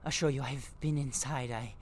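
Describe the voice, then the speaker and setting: A man voicing a nervous woman who deals in arcane artifacts, speaking high and hushed with stammers. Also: fairly even intonation, normal speed, lightly acted. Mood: anxious.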